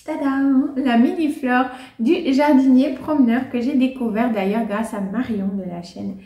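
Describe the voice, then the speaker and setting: A woman chats casually through her favourite books and finds, filling pauses with little hesitations and laughing often. Her voice sits a bit high but sounds soft and mellow. The room around her adds a noticeable echo. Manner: chatty and warm, many fillers, laughs often. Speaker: book and lifestyle vlogger. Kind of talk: casual chat, reviewing favourites.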